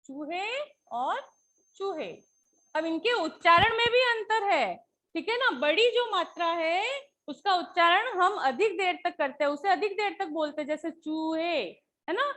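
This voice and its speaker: A woman's voice: very high voice, moderate pace, sharp tone. A woman teacher explaining Hindi grammar patiently, often checking with the class as she goes.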